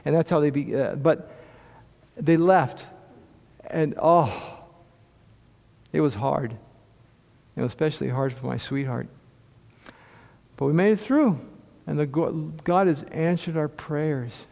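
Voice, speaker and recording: A middle-aged man preaches a personal testimony in a church hall, his slightly high voice carrying a long reverb. He talks in a chatty, storytelling way, often stumbling and restarting his phrases. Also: slow pace, gravelly, long pauses, darkish tone. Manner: conversational storytelling with repeated restarts. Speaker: lay preacher sharing testimony. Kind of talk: sermon testimony.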